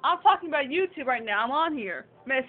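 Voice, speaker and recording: A woman's voice: sits high, expressive, a little fast. A female vlogger chatting casually and playfully to the camera at home, rambling about being bored. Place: at home, lying down. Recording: tinny lo-fi audio with faint hiss.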